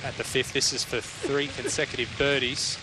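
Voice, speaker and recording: A man's voice: mid-range voice, fairly even intonation, moderate pace. A man giving live golf commentary as the lead commentator calls play. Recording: very noisy outdoor broadcast.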